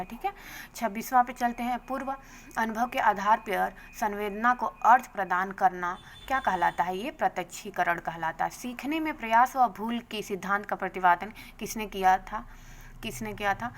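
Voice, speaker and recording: A woman teacher going briskly through exam questions and their answers, adding a quick "okay" after each answer. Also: mid-range voice, a bit bright, a little hiss or hum, rough recording. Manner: brisk, adds "theek hai" after answers.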